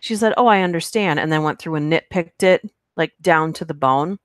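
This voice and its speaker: Speaking at normal speed in a deep voice, a woman hosts a live stream for her horror narration channel. She reads viewer comments and chats casually, rambling with lots of fillers and giggles. A little hiss or hum can be heard.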